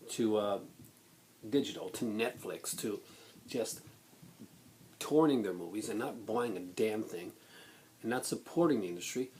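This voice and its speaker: Man, lowish voice, exasperated opinion rant, blunt, halting delivery, faint background noise. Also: a little mellow. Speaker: video blogger.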